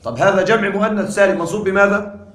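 A man teaching a grammar class, quizzing his students with frequent questions and repeating key points deliberately. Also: sits high, roomy sound, crowd noise. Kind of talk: classroom lecture.

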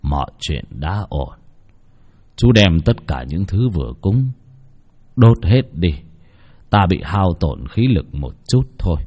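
Man playing an old exorcist, stern, slow, husky, horror audio story. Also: sits low, sing-song, a little mellow, pitched below the performer's own voice, heavily acted. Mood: exhausted. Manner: urgent commands, then weak and slow. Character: old male exorcist master, stern and weary.

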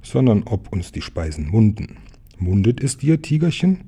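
A man's voice: lowish voice, sing-song, normal speed, warm tone, slightly rough, exaggerated voice. A man voicing a lazy, cheerful little pig in a children's storybook, coaxing and sweet-talking.

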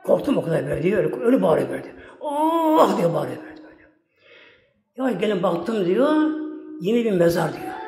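Quick and lively in intonation, this preacher's high voice is gravelly yet warm. Giving a religious talk in a mosque, he wanders through homespun stories and keeps repeating "my esteemed ones" and "like this." Long reverb fills the hall, with faint music behind.

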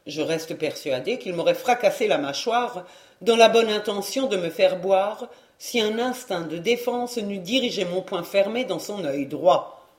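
A man reading a classic novel aloud as an audiobook, in measured storytelling. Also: sits high. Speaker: audiobook reader. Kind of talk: audiobook narration. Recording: roomy echo.

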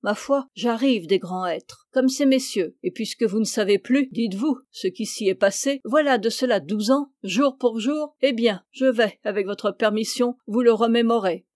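A woman reading as a calm, stern young accuser. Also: a little high, moderate pace, few pauses, dry recording, clean studio sound, natural voice. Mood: accusing.

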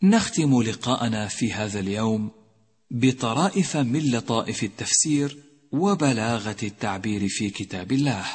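A man teaching a tajweed lesson on Quran recitation, who draws out and chants the example words slowly. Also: medium pitch, lively intonation, breathy edge. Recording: long hall reverb.

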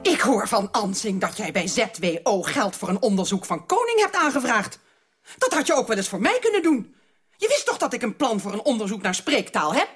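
An indignant department head. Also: female voice, on the high side, big pitch swings, fairly quick, husky, faint music behind. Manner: indignant, demanding. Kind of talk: radio drama acting.

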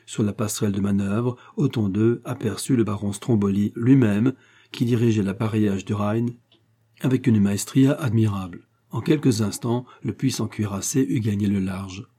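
A man narrating an adventure novel in a measured, steady audiobook reading. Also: fairly low pitch, breathy edge.

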